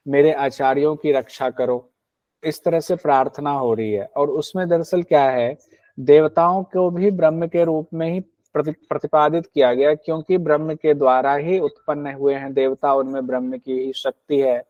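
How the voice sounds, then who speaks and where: A man, teaching scripture as a lesson, who slowly repeats lists so they can be memorised. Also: on the high side, no echo. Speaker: yoga teacher explaining scripture. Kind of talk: spoken lesson on Upanishad text. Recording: slightly dull, dry recording.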